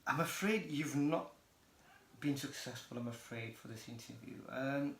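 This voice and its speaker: A man's voice: medium pitch, moderate pace, vocal fry, a bit bright, pitched below the performer's own voice. A man playing a stiff job interviewer who hesitates with ums while delivering bad news. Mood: stiff formal. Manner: hesitant, formal, many ums. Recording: echoey room.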